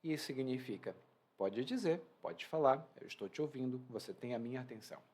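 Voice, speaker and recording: With a slightly rough, mid-range voice, a Brazilian-accented man talks fairly quickly as he teaches Portuguese from home. He explains a reading to learners and acts out the quotes in an animated way.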